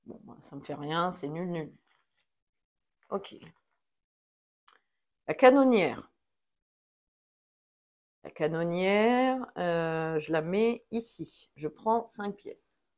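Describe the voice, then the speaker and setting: A woman's voice: fairly low pitch, takes it slowly. A woman talking herself through a solo board game, placing cards and counting pieces aloud in a casual running commentary.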